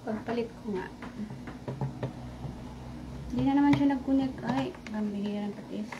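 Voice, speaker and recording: Woman, high voice, noisy stream. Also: moderate pace, muffled recording. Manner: laughs often, mutters to herself, sings along. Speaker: vlogger livestreaming. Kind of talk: casual livestream chat and karaoke singing.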